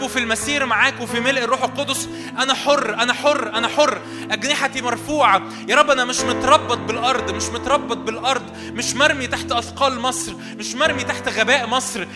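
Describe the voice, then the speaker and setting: Egyptian male pastor, high and rapid, fervent prayer, reverberant hall with music under. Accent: Egyptian Arabic. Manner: fervent, repetitive declarations. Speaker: pastor leading worship. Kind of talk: charismatic prayer sermon. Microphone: handheld mic. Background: worship music.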